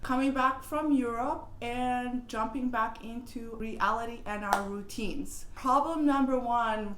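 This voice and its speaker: A woman's voice: mid-range voice, fairly bright tone. Chatty woman vlogger, echoey room. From Serbia. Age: 30s. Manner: chatty and rambling, lists tips with restarts. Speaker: travel vlogger. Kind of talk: casual talking-head advice vlog. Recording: echoey room with faint ambient noise.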